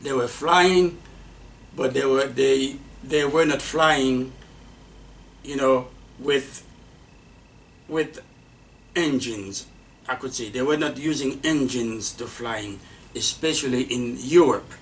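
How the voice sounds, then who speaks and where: A man lectures on early aviation, stopping often and restarting his sentences with plenty of fillers. He talks slowly at a middling pitch. The mic sits some distance away and picks up a faint hiss. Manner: halting, many fillers and restarts. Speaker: aviation instructor. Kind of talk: unscripted lecture.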